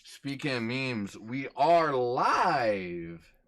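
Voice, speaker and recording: Goofy young man with a lively, bright voice. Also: medium pitch, drawn-out words. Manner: joking, goofy, playful. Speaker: podcast co-host. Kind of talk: casual chat.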